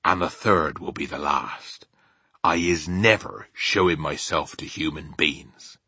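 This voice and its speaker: A man voicing a big, gentle but stubborn storybook giant who talks in muddled grammar and invented words. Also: very deep voice, a little slow, slightly rough, dry recording, exaggerated voice. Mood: firm, wary. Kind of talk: children's storybook character reading.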